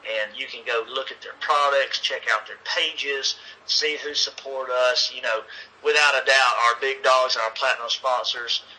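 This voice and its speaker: A man's voice: medium pitch, fairly even intonation, moderate pace, bright, forceful tone, slight background noise, poor audio. A man being interviewed as a racing league organizer, talking in an earnest, folksy way and rallying listeners. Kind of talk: casual interview chat.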